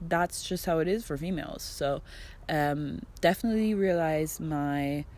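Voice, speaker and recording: A young woman in her twenties, originally from Germany, speaking in a slightly low voice. She rambles through a casual vlog story, leaning on "like" and playing out both sides of conversations. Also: unhurried, a little mellow. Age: 20s. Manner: chatty, fills speech with "like" and "I'm like", acts out quoted dialogue. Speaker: vlogger.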